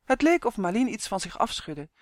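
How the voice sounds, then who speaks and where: A woman narrating a children's story in an expressive storytelling rhythm. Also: mid-range voice, normal speed, no echo, clean studio sound. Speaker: audiobook narrator.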